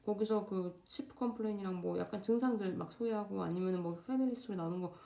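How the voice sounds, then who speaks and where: Fast-talking woman, mellow voice. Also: medium pitch, gravelly. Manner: fast, loose delivery with many fillers and restarts. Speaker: Korean doctor in Germany giving exam advice. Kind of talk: casual unscripted vlog talk. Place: home, indoors. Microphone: camera facing speaker.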